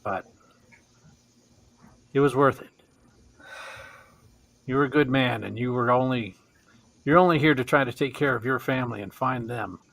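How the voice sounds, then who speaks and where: A man voicing a weary, kindly older man in a put-on old voice for a tabletop game, measured and earnest. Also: mid-range voice, vocal fry, fairly bright tone. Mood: solemn, kindly. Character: weary, kindly older man, aged by lost life force. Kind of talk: tabletop role-play.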